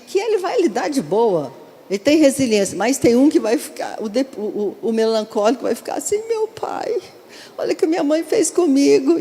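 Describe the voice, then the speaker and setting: A woman's voice: fairly high pitch, warm tone. A middle-aged woman, a bishop preaching a sermon in an earnest, exhorting way that often asks the congregation questions. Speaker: bishop and pastor. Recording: long reverb of a large hall.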